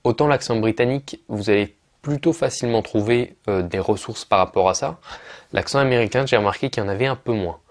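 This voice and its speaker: Casting note: French man, low-ish voice, casual online English tutor, halting delivery with fillers. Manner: hesitant, many fillers and restarts. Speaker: English teacher.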